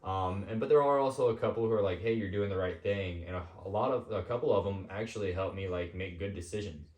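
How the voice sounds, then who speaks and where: A man hosting a podcast, talking casually and personally in an informal, somewhat halting way. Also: sits low, dull audio. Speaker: podcast host. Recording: echoey room.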